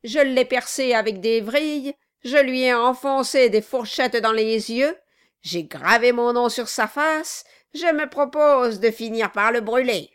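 A woman voicing a violent, mocking male dwarf who shouts harsh, taunting questions in an audiobook. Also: fairly high pitch, measured pace, clear, resonant tone, pitched above the performer's own voice, lightly acted. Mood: menacing.

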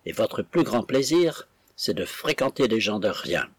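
A man's voice: fairly low pitch, big pitch swings, measured pace, breathy edge, no echo, exaggerated voice. A man voicing a proud, indignant young woman who scolds her sister with haughty scorn.

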